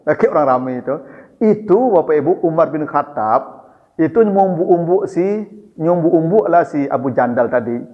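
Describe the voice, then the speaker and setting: A man preaching, telling the story in a lively, chatty way and turning often to his listeners. His voice sits fairly high. The sound rings in a reverberant hall and comes across dull. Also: normal speed. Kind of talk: storytelling religious lecture.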